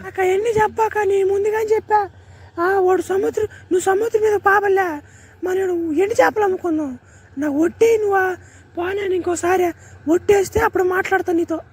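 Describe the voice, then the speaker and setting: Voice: fairly even intonation, brisk. A voice actor playing a young village woman, a worried sweetheart in a comic cartoon spoof, scolding and emotional. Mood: anxious. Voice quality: very high, shrill cartoon voice.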